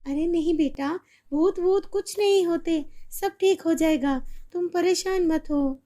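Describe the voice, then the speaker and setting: A woman's voice: very high-pitched, a little slow, warm tone, pitched above the performer's own voice. A woman voicing a loving, worried widowed mother who soothes and pleads. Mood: soothing.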